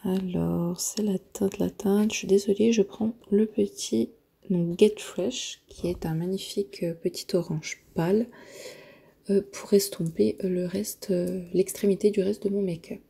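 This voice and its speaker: A woman narrating a makeup tutorial, hesitant and full of filler pauses, often dropping to a near-whisper while she works. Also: mid-range voice, steady tone, gravelly, warm tone, slightly rough. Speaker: beauty vlogger.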